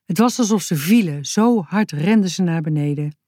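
Een vrouw die levendig en expressief een kinderverhaal voorleest. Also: female voice, fairly low pitch, normal speed, dry recording, clean studio sound. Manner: lively, expressive reading. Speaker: narrator. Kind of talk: reading a children's story aloud.

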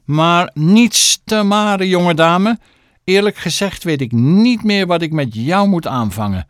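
A man voicing a stern, snobbish mother with political ambitions, shrill and scolding, for an audiobook. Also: sing-song, normal speed, no echo, studio quality. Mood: indignant. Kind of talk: audiobook character voice.

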